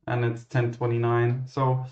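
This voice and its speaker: A man working as a ground controller, giving clearances and commentary in a halting, self-correcting way. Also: medium pitch, monotone, a little mellow. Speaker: virtual air traffic ground controller. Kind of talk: radio clearances and explanatory commentary. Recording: muffled, roomy microphone sound.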